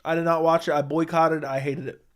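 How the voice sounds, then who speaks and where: Fairly quick and fairly high-pitched with little pitch movement, this man hosts a casual MMA commentary livestream. He answers viewer chat bluntly and with strong opinions, repeating points for emphasis.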